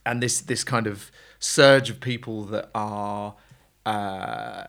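A man's voice: fairly low pitch, steady tone, slow, a bit bright. A man, a guest on a podcast, chatting casually and rambling with plenty of fillers and restarts. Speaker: podcast guest, agency founder. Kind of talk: casual chat.

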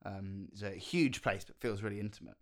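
A man's voice: lowish voice, fairly even intonation, fairly quick. A man with a posh British RP accent, chatting casually as a co-host and rambling hesitantly through his stories. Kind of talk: casual chat.

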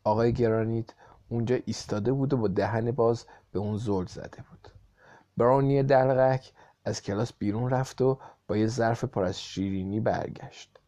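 A man narrating a children's storybook in an expressive reading. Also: medium pitch, dry recording. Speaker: audiobook reader.

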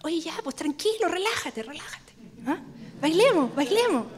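A woman voicing Lady Wisdom as a playful young woman, coaxing in a soft, sing-song way. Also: very high-pitched, very animated, normal speed. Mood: soothing.

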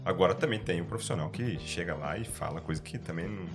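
A man, a guest in a casual podcast discussion. He reflects out loud and poses rhetorical questions to himself. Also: low voice, fast, over music.

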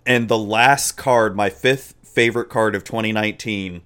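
A man's voice: lowish voice, steady tone, moderate pace, a bit bright, clean tone. A man co-hosting a casual podcast chat, laid-back and joking, often trailing off with fillers. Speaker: podcast co-host. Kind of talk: casual chat about a card game.

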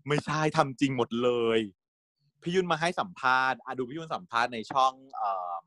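Man, co-host of a casual review chat; animated delivery, dry close sound. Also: medium pitch, brisk, no echo. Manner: lively, chatty, laughs often, addresses viewers directly.

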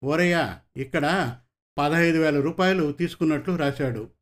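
A man's voice: fairly high pitch, moderate pace, natural voice. A man voicing a bold, clever village boy. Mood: defiant. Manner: bold, defiant. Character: clever defiant ten-year-old village boy.

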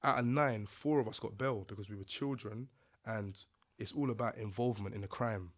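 A man's voice: fairly low pitch, normal speed. A man with a London accent and roadman slang, telling his own story casually as a podcast guest.

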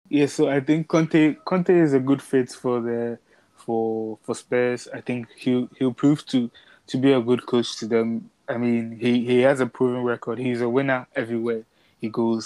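A man's voice: mid-range voice, no room sound, poor audio. Chatty man with a dry, close sound. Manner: chatty, laughs while telling stories. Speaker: podcast co-host. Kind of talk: casual football chat.

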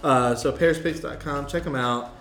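A man's voice: on the high side, normal speed, a bit bright, faint music behind. A man hosting a casual chat, joking, laughing often and restarting his sentences. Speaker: podcast host. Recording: echoey room.

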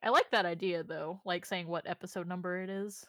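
A woman's voice: on the low side, steady tone, a little fast, dry recording, clean studio sound. A young woman co-hosting a casual podcast, laughing often and swearing casually. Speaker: podcast co-host. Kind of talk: casual chat. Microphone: home mic, online call.

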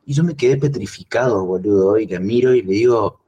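An Argentine man chatting casually as a podcast guest, rambling and animated as he tells stories. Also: a little fast, husky, muffled recording. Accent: Argentine Spanish. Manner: rambling storyteller, animated when recounting, lively pitch jumps. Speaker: guest cartoonist.

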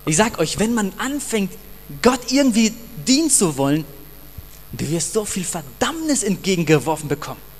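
A man's voice: high voice, sing-song, normal speed, long reverb tail. Passionate male pastor preaching. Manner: passionate, emphatic, addresses the congregation directly. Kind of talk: sermon.

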